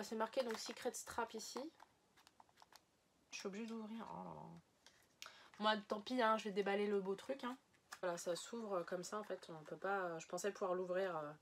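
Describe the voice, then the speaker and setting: A woman's voice: on the high side, a little hiss or hum. A woman chatting casually as she unboxes items for her viewers, rambling a little, with many fillers and self-corrections. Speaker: unboxing vlogger. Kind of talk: casual chat showing items to camera.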